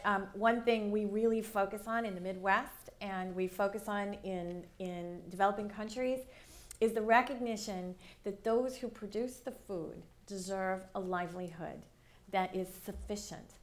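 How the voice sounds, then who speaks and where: A woman speaking on a stage panel in a measured way with frequent pauses. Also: medium pitch. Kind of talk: panel discussion. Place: large auditorium stage.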